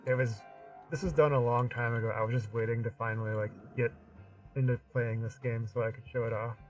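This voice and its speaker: A man's voice: mid-range voice, steady tone, fairly quick, far from the mic, low-quality recording. A man chatting over his gameplay, his voice squeezed through an AM radio filter that makes him sound set back from the mic. He rambles loosely and fills gaps with "you know", while faint music runs underneath. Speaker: game streamer. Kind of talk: casual gameplay commentary.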